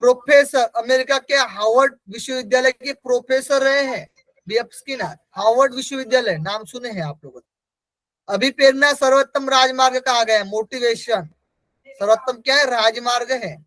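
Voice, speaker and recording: Guy teacher, really high voice, asks questions then answers them, dry close mic. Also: normal speed, a bit bright, no echo, low-quality recording. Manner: repeats key terms for emphasis. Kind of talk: exam-prep lecture.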